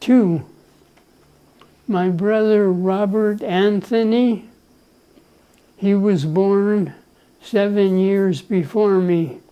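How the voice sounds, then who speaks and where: A man in his nineties from El Salvador, whose first language is Spanish, telling his life story to his grandchild in an unhurried way, often clearing his throat and chuckling. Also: high-pitched, muffled recording. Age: 90s. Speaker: grandfather being interviewed. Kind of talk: relaxed life-story interview.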